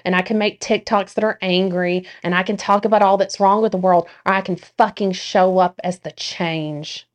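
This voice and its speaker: A woman in the guest chair on a podcast, talking about faith with passion and force. Her voice sits at a middling pitch. She is blunt and emphatic, and now and then she swears to hammer a point home. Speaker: guest, nurse and social media creator. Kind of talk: impassioned spiritual talk.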